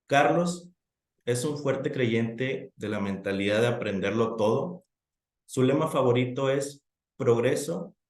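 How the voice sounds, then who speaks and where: A man's voice: medium pitch, a little mellow. Man moderating in a roomy echo. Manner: friendly, scripted announcements. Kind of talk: introducing a guest speaker.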